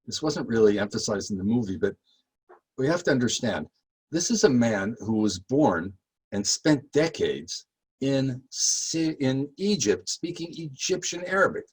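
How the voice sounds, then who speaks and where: A man guiding a history tour, talking casually with many fillers and rising in pitch when he makes a point. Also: lively intonation, breathy edge, poor audio. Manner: chatty, halting with many fillers, rises when emphatic. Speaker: tour guide. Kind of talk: guided history talk.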